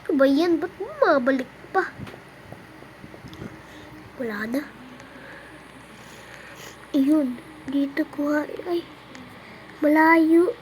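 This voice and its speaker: High, unhurried voice, excitable teasing streamer, noisy home recording. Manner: excitable, teasing chatter with frequent exclamations. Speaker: gameplay streamer. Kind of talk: casual game commentary.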